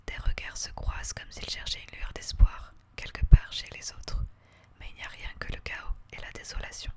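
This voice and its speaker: Hushed library whisper, soft ASMR reading. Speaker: ASMR creator reading aloud. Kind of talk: whispered ASMR reading of their own novel, with casual asides.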